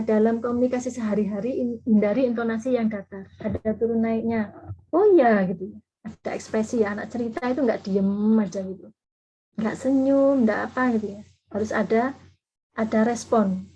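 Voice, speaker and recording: A woman with a higher, darkish voice gives an online parenting seminar, explaining patiently and acting out sample intonations. The audio comes through a video call and sounds dull and lo-fi.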